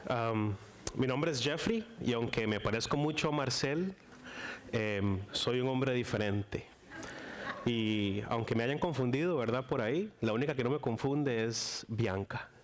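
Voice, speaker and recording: A man's voice: medium pitch, unhurried. A young Costa Rican man with a Costa Rican accent, preaching a casual guest sermon with lots of fillers and restarts. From Costa Rica. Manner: chatty and warm with frequent fillers and restarts.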